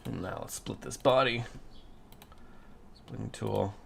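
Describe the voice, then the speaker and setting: Working on a 3D design at his computer, a drowsy designer mutters slowly in a low, gravelly voice, repeating little words over and over. There's slight background noise.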